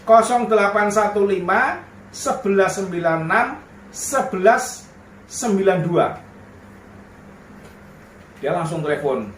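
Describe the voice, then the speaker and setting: A man telling a personal story in a lively way, slipping into broken English phrases. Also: high-pitched, slow, pauses often, slight background noise. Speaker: vlogger. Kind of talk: storytelling monologue. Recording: roomy sound, voice distant from mic.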